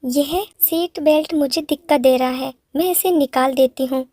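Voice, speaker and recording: A woman's voice: high voice, normal speed, darkish tone, no echo, natural voice. A woman voicing a friendly young married woman with casual, chatty replies.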